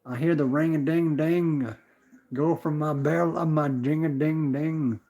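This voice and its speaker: Reading viewers' chat messages, this young Canadian livestreamer answers in a relaxed, rambling style and calls people brother. He speaks a little slowly in a mellow, fairly high voice with fairly even intonation; the recording is slightly dull and lo-fi.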